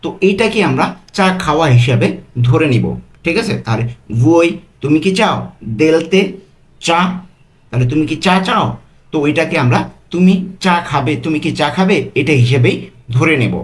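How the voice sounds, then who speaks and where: A man teaching a quiz-style language lesson, repeating each phrase and saying the foreign words very slowly and carefully. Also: on the high side, expressive.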